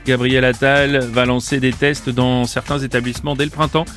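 A man hosting a radio show, introducing a segment briskly and playfully. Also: mid-range voice, little pitch movement, a bit bright, soft background music. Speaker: radio host.

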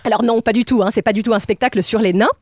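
High-voiced woman delivering a comic radio column. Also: fairly even intonation, very fast, no echo, clean studio sound. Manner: playful, mock-interrogating, laughs at own jokes. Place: radio studio.

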